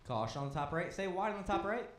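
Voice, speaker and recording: A man directing a race, calling out lineups, cautions and standings in brisk, clipped commands. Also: high-pitched, lively intonation, reverberant. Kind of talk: live race calling over a PA.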